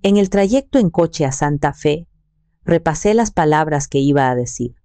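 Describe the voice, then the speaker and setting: Female narrator for a scripted first-person story; calm and even, mellow, dry read. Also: low-pitched, normal speed, clear, resonant tone, dry recording.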